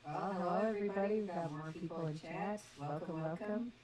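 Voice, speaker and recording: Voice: mid-range voice, fairly quick, a crowd in the background, low-quality recording. A co-host on a livestream who laughs often and chimes in with short supportive replies. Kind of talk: casual livestream chat.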